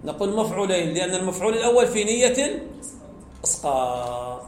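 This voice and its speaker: High-voiced man teaching grammar slowly. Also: sing-song, darkish tone. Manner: slow, deliberate, repeats key words and quotes verses in a chant. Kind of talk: classroom lesson on grammar. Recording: echoey room with faint background hum.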